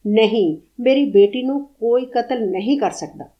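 A woman's voice: fairly high pitch, big pitch swings, normal speed, highs cut off, voice pushed up. A woman voicing a grief-stricken, crazed old mother who speaks with steely, unshakable conviction. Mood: insistent.

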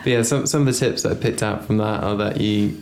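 A man, talking casually and haltingly, full of "like" and restarts. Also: lowish voice, darkish tone. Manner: hesitant, lots of fillers like "like". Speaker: podcast co-host. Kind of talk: casual chat.

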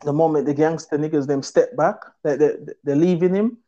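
A man's voice: fairly high pitch, fairly quick, warm tone, lo-fi sound. A man with a Jamaican accent telling a story in casual, profane patois, acting out the quotes as he goes.

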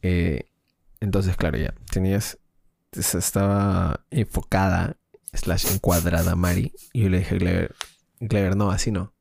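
Gravelly low man telling stories. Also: fairly even intonation, measured pace, a little mellow, dry recording. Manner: rambling storyteller with slang and restarts. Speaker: podcast co-host, filmmaker. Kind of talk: casual chat.

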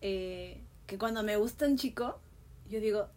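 A young adult woman in casual podcast chat, a lively storyteller who acts out quoted shouts. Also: mid-range voice, measured pace.

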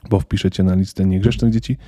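A man's voice: low voice, fairly even intonation, quick pace, mellow, no echo, clean studio sound. A man voicing a small, fussy male Christmas elf who talks in a flustered, indignant, stern way.

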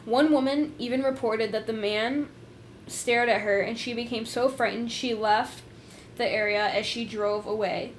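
A woman's voice: on the high side, a little slow, a little hiss or hum. A young woman co-hosting a podcast, chatting casually about urban legends with lots of fillers and laughter. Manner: giggly, filler-heavy, animated. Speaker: podcast co-host.

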